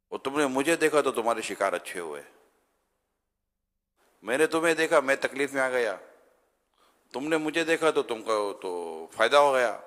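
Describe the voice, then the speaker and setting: A man's voice: medium pitch, in a large hall, lightly acted. A male preacher voicing a bold, defiant one-eyed man in a told story. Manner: shouting, then calm and reasoning.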